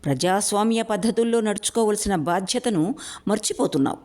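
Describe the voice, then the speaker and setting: A woman's voice: mid-range voice, fairly quick, darkish tone, pitched above the performer's own voice, close to an everyday voice. A woman voicing a domineering middle-aged council chief who scolds and hisses at a younger man. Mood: scolding. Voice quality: scolding, hissing delivery.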